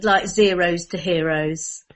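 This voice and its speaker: Animated woman telling stories. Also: on the low side, slow. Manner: animated storyteller, laughing through anecdotes. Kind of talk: casual chat.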